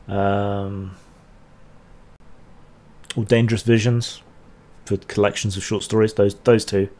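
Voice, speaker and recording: Low-voiced man rambling on stream. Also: flat delivery, slow pace, darkish tone. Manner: rambling, hesitant with many ums, dry asides. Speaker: channel host answering chat questions. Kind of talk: casual livestream Q&A.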